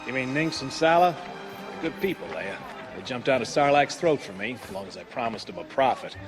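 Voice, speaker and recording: An actor playing a cocky, easygoing space smuggler with a wry, offhand manner in an audio drama. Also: male voice, mid-range voice, animated, a little fast, music in the background, natural voice. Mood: reminiscent. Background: orchestral film score.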